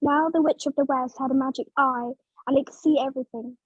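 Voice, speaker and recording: Woman narrator, high voice, dry close recording, clear simple storybook reading for English learners. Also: fairly even intonation, a little fast, dry recording, highs cut off. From Vietnam.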